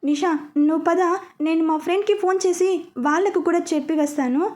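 A woman's voice: very high voice, a little fast, darkish tone. Woman voicing Siddhu, exasperated young man. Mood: impatient.

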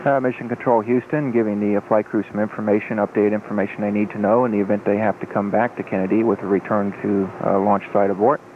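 A man with a low voice delivers measured launch commentary, calm and matter-of-fact with small hesitations. The feed is phone-thin with faint background noise. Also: phone-quality sound. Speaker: launch countdown public affairs commentator. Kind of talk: measured official live commentary.

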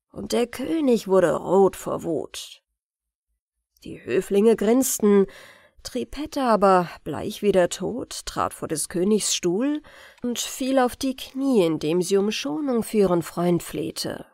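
A woman reading a spooky tale aloud as a calm, measured bedtime audiobook narrator. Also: mid-range voice, no echo, clean studio sound. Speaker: audiobook reader.

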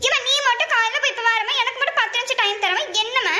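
A woman voicing a little schoolgirl in a cartoon, chirpy and pleading in a squeaky, sped-up voice. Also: very fast, sharp tone, roomy sound, heavily acted. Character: cheerful little schoolgirl granddaughter.

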